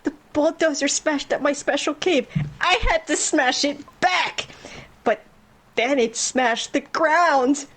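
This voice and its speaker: A woman's voice: high-pitched, takes it slowly, a bit bright. A woman voicing an earnest, stubborn young girl in a video game.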